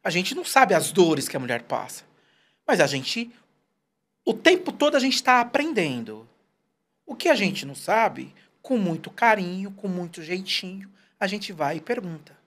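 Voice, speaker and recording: With a high-pitched voice at normal speed, a man in his forties guests in a casual interview. He's lively and storytelling, quoting people in short put-on voices.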